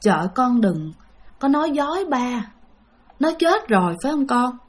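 A woman with a Southern Vietnamese accent voicing a frail, dying old grandfather who speaks in a weak, tender hush. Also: on the high side, sing-song, measured pace. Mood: sorrowful.

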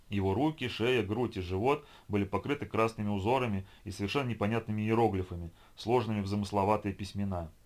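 A man narrates an audiobook in a steady, measured way. His voice sits on the low side. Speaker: audiobook reader.

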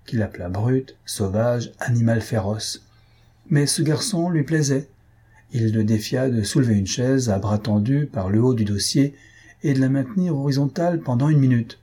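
A man reading a literary story aloud in a measured storytelling manner. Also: on the low side, mellow, husky. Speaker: audiobook reader. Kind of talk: scripted literary narration.

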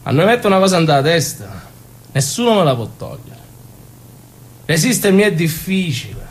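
Playing a naive, passionate young Sicilian man, a male stage actor gives an intense, confessional dialect monologue with a Sicilian accent. His sing-song voice sits on the high side and moves at a moderate pace, full of wistful recollection.

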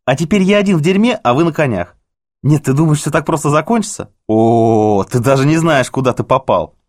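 A cornered, scheming male manager in an audiobook, his voice pushed up high and strained, as the narrator puts him on. He talks fast, wheedling and close to hysteria. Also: animated, a little mellow, no echo. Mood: threatening. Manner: wheedling, then shrill and threatening. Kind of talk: audiobook character voice.

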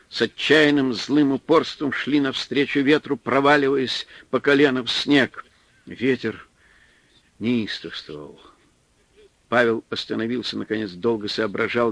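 Slow, measured male audiobook narrator. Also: medium pitch, a bit bright, dry recording. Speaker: audiobook reader. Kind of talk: scripted narration.

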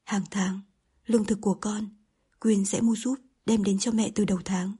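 A woman narrator voicing a gentle, sad young woman speaking softly to her mother in an audiobook. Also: mid-range voice, little pitch movement, normal speed, breathy edge. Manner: soft, gentle.

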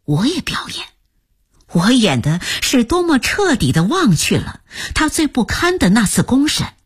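A woman narrating a novel as an audiobook in measured, expressive storytelling. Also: a little high, slightly rough, no echo, studio quality.

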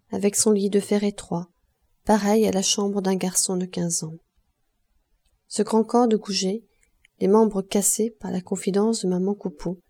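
A woman narrates a classic novel in a measured, expressive audiobook reading. Her voice is dark and mellow, with a gravelly fry, and her pitch sits in the middle range. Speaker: audiobook reader.

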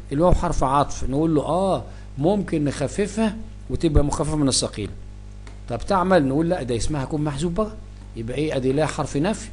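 A man's voice: a little high, darkish tone. A man with an Egyptian accent teaching Arabic grammar, asking himself questions and answering them. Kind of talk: grammar lesson explaining Quran verses.

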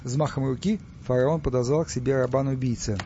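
A man reading an audiobook with even storytelling delivery, in a dull lo-fi recording. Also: medium pitch, brisk, slight background noise. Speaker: audiobook narrator. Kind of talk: scripted narration.

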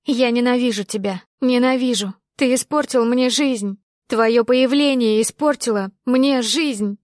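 A heartbroken young woman, as a female narrator puts her on, pouring out raw, emotional lines. The recording is close and dry, her pitch in a plain middle range. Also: steady tone, moderate pace, darkish tone, no echo, close to an everyday voice. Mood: screaming, anguished. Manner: emotional outbursts. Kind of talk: audiobook character voice.

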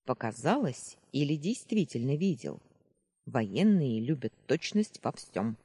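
A man's voice: mid-range voice, big pitch swings, a little slow, dark tone, breathy edge, full character voice. A man voicing a bossy young sentry barking orders. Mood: grumpy, pedantic. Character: stern young male sentry, irritable, bossy.

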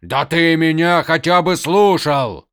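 A man doing a stern old highlord. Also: unhurried, no room sound, clean studio sound, close to an everyday voice. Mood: scolding. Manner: firm, emphatic, scolding. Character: stern older male highlord, weary and commanding. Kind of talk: audiobook character voice.

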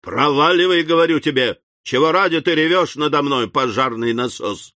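Play a blunt young servant losing patience: loud, gruff, scornful, pitched above your own voice and with a lively swing, close and dry to the mic. A man doing the voice. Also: a little slow, no room sound. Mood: gruff, threatening. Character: rough quick-tempered young manservant, blunt and threatening.

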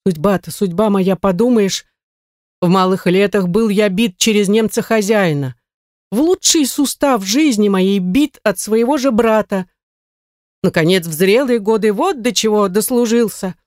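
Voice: mid-range voice, a little slow, a little mellow, no echo, clean studio sound, close to an everyday voice. A reader voicing a wordy, self-pitying middle-aged male shoemaker in an audiobook, complaining at length. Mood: lamenting. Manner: lamenting, long-winded. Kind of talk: audiobook character reading.

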